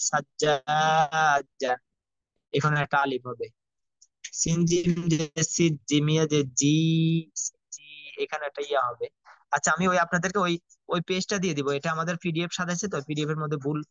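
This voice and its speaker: A man's voice: on the high side, fairly even intonation, fairly bright tone, no room sound. Man spelling out Arabic letters, dull dry sound. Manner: slow, drilled letter-by-letter spelling with chanted repetition. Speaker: Quran recitation teacher. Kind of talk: spelling out Arabic letters and vowels in a recorded lesson.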